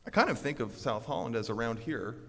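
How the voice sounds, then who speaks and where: A pastor from Orlando, Florida, an American man, preaches a sermon to a congregation in a reverberant hall. His mid-range voice is animated and brisk, with a little hiss or hum, and his earnest, emphatic style swings from forceful declarations to quieter storytelling.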